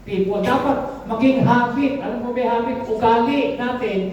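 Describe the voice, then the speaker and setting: Woman pastor preaching in church, high-pitched, roomy and distant. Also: moderate pace, darkish tone, lo-fi sound, a little hiss or hum. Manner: call-and-response, often calling out "Amen". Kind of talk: sermon. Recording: echoey room, mic far off.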